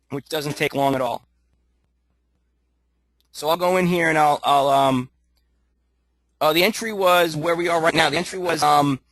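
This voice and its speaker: A man coaching live trades on his screen, thinking aloud with lots of fillers and restarts, a little hoarse as his voice starts to go. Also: on the high side, fairly bright tone, no room sound. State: losing his voice. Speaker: trading coach. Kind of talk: live screen-share trading tutorial.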